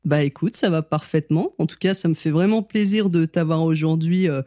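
A man's voice: a little high, fairly quick, dark tone, no echo, studio quality. A man hosting a podcast interview, chatting in a friendly way with frequent filler sounds. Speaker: podcast host. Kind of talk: casual interview chat.

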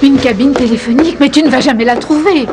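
A caring, anxious older mother played by a woman in a dubbed TV drama. Her voice is high, with loud music behind it. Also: fast talker, natural voice. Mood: concerned. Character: worried, caring mother of a grown priest. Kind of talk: dubbed television crime drama acting.

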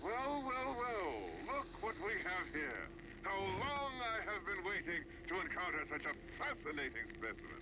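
A mad doctor's ghost in a horror video game, gloating and florid. His high voice swoops theatrically over loud background sound. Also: wildly swooping pitch, moderate pace, few pauses, over a noisy crowd, low-quality recording. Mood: gloating, fascinated.

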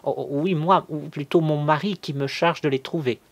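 A man's voice: on the high side, normal speed, pitched above the performer's own voice, lightly acted. A man voicing a distraught young woman under hypnosis, stammering as she pleads. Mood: flustered.

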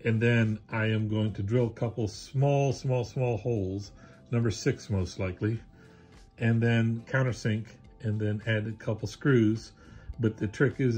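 A man explaining a woodworking project in a casual, unhurried how-to manner, with fillers as he goes, recorded in a home shop. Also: on the low side, a little mellow. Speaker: woodworking hobbyist.

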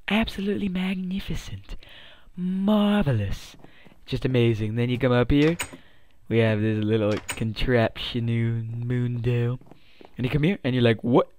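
A man's voice: medium pitch, a little mellow, dry recording, studio quality. A young man hosting a gaming channel, a bit sick with voice cracks, chatting playfully and rambling through his let's-play. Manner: playful and rambling, with silly sing-song hype bits. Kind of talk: casual let's-play commentary.

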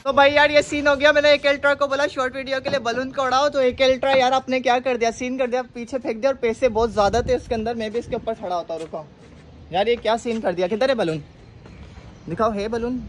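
A man vlogs outdoors on a rooftop, excited and playful, tossing out quick short calls. It's a noisy phone recording with traffic and street sounds behind him. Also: extremely high pitch. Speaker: vlogger. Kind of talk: casual vlog chat.

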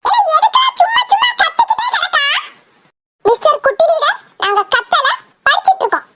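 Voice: expressive, moderate pace, very noisy. A voice actor playing a group of cheeky village schoolchildren in a cartoon, squabbling and teasing. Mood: rowdy. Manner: teasing, squabbling, shrill giggling. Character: chattering village schoolkids, boys and girls, cheeky. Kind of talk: cartoon voice acting.

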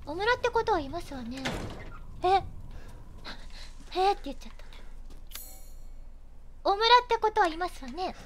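A woman's voice: very high-pitched, expressive, normal speed, pauses often, slight background noise. A young woman streaming a horror game, chatting in a playful, mock-aristocratic lady manner with dramatic outbursts. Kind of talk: casual game-stream commentary. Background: game music.

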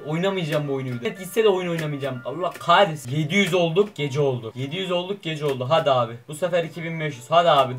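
A young man vlogging while he plays a game, excitable, swinging between loud outbursts and muttering. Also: sits high. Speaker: YouTuber. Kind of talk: excitable gaming vlog.

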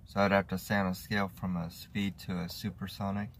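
Low-voiced guy doing a casual snack review in his car, kinda halting, clear background noise. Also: flat delivery. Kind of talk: casual product review to camera. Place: inside a parked car. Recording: noisy car interior phone recording.

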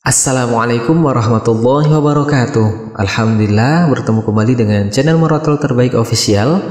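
A man's voice: medium pitch, fairly quick, darkish tone. A man hosting a recitation lesson, explaining steps plainly and encouraging viewers to follow along. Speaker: host and recitation teacher. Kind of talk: friendly instructional talk. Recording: echoey room with long reverb.

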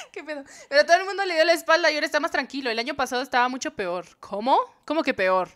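A young woman streams a dating game, narrating the dialogue and teasing her viewers. Her voice sits a little high. The sound is close and dry, with no room echo. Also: fairly bright tone. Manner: reads game dialogue aloud and reacts with jokes to chat. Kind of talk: live game commentary.

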